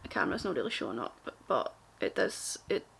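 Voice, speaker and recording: A woman's voice: extremely low pitch, sing-song, quick pace, gravelly, a bit bright, slightly rough. A young woman with a broad, strong Glaswegian Scottish accent, chatting casually and self-deprecatingly to camera in an informal, rambling makeup tutorial. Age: young adult. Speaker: beauty vlogger.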